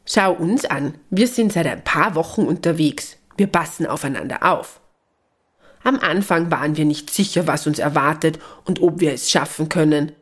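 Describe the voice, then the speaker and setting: A woman's voice: low voice, normal speed, husky. Woman reading an earnest companion giving advice. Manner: earnest, lecturing gently.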